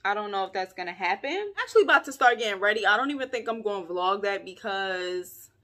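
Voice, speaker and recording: A young woman talks straight to her viewers in a loose, chatty vlog. Her voice is bright and forward, with playful asides and lively emphasis. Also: mid-range voice, fast. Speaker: vlogger. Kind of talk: casual vlog chat to camera.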